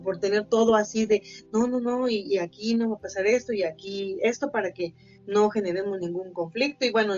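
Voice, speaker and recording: A woman's voice: mid-range voice, darkish tone. A woman, chatting on a podcast and telling a personal story with plenty of fillers. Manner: anecdotal, acts out quoted voices, many fillers. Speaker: podcast co-host. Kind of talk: casual podcast chat. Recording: slightly dull lo-fi, faint music bed.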